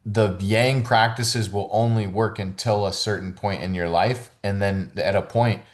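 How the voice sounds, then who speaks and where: Man, podcast guest, very low voice, rambling casual talk, filler-heavy, earnest. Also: steady tone, unhurried. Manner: loose and rambling, full of "like" and "you know", with earnest spiritual talk. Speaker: holistic fitness coach, podcast guest. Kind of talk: casual conversational interview.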